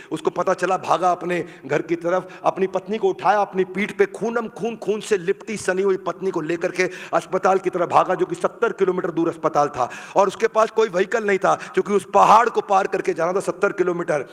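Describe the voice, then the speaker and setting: Man, motivational stage speaker, high voice, echoing hall reverb, emphatic and repetitive. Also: fairly even intonation, a little fast, hardly any pauses. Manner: emphatic, repetitive, leads audience chants. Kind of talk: motivational seminar speech. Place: large hall with live audience.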